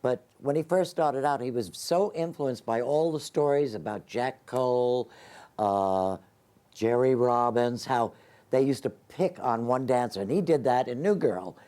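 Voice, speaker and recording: A man's voice: medium pitch, a little slow, warm tone. An older man, a retired dancer on a panel, recalling the old days in a matter-of-fact way. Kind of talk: casual panel reminiscence.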